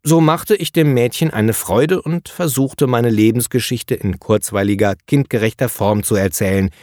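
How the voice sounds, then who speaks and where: A man narrating a first-person story aloud in a lively, expressive reading voice. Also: mid-range voice, moderate pace, dry recording, studio quality.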